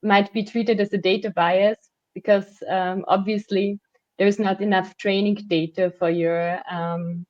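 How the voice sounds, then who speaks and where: A woman's voice: mid-range voice, flat delivery, measured pace, darkish tone, no room sound. A woman expert in a panel discussion, thoughtful and hesitant, with frequent fillers. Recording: dry, dull lo-fi audio.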